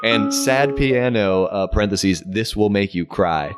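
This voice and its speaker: A man's voice: fairly low pitch, a little slow. Laid-back young man hosting a podcast. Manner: laid-back, reads quotes aloud with laughs. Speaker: podcast co-host. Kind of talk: casual podcast banter. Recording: music playing behind voices.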